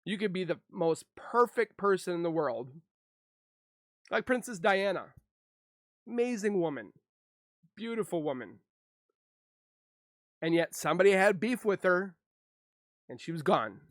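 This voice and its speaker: A man venting to his viewers in a vlog, halting and frustrated, and holding back tears as he speaks. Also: high voice, expressive, no room sound. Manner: halting, frustrated, with frequent restarts. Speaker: YouTuber.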